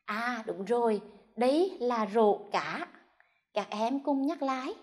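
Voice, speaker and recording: A woman primary school teacher from central Vietnam giving a televised first-grade lesson, pronouncing sounds clearly and slowly for young children. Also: a little high, lively intonation. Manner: slow, clear, drawn-out enunciation for young children.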